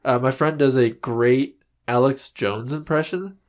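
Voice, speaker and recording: A man's voice: medium pitch, measured pace. A man co-hosting a comedy podcast in casual, jokey chat, acting out little scenes as he talks. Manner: animated, jokey, acts out scenes. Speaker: podcast co-host.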